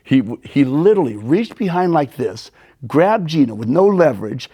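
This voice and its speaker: An older man as a guest, telling animated stories and acting out the quotes. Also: a little high, normal speed. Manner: animated storyteller, acts out quotes. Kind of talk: storytelling in a conversation.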